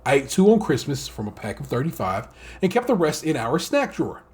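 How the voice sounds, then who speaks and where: A man co-hosting a casual podcast, talking in an animated way, laughing often and swearing freely. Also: a little high, fairly quick, breathy edge. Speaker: podcast co-host.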